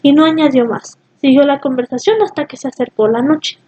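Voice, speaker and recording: A woman's voice: high-pitched, brisk, dark tone, highs cut off, a little hiss or hum. A woman reading a classic story aloud steadily, with occasional restarts. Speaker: reader of an audiobook.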